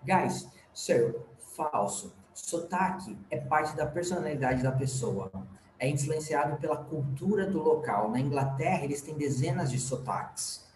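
A man's voice: on the high side, expressive, a little slow, a little mellow. A man with a Brazilian Portuguese accent, teaching an English lesson to his students and slipping English fillers into his explanations. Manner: explanatory, with frequent restarts. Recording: roomy echo, faint background noise.

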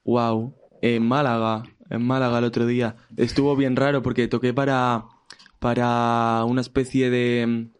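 A man's voice: mid-range voice, level tone, unhurried, clear, resonant tone. A man, a musician telling stories in a casual, rambling way. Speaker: musician guest. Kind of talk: casual chat.

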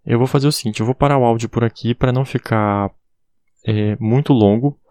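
A man's voice: medium pitch, brisk, a little mellow, no room sound. A man giving a casual recorded English lesson, spelling words out letter by letter and checking in with "tá bom?". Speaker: English teacher.

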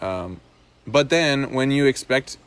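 A man's voice: medium pitch, expressive, slow, fairly bright tone, smooth. A young man in casual podcast chat, thinking aloud and rambling with many fillers and restarts.

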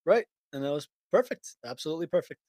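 A man hosting a podcast in casual chat, relaxed and rambling, chuckling often. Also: on the high side, quick pace, no echo. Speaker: podcast host.

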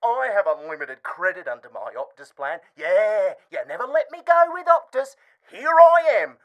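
A woman's voice: medium pitch, sing-song, normal speed, muffled recording, lightly acted. An Australian woman playing a bitter, obsessive jilted husband in a melodramatic comedy voicemail rant. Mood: threatening. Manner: melodramatic, swinging from hiss to wail. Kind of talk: scripted comedy voicemail monologue.

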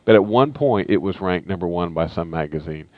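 A man's voice: deep voice, expressive, brisk, no room sound, phone-quality sound. A man co-hosting a casual podcast chat, often stammering and repeating words. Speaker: co-host, a parent.

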